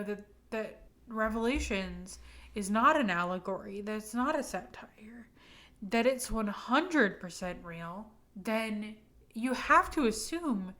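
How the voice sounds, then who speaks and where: A woman's voice: on the high side, a bit bright. Drunk woman on a rambling rant. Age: 20s. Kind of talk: casual opinionated rant.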